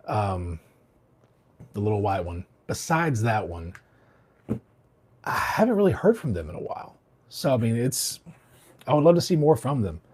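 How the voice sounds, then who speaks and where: Husky laid-back man. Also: mid-range voice, darkish tone. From Alabama. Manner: rambling, laid-back, many fillers and restarts. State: under the weather, coughing. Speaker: barber hosting a livestream. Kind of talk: casual livestream chat reading comments.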